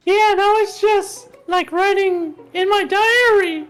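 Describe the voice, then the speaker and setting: A woman voicing a sweetly scheming young schoolgirl in a high, saccharine girly voice, reading game dialogue aloud. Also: slow pace. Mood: dreamy.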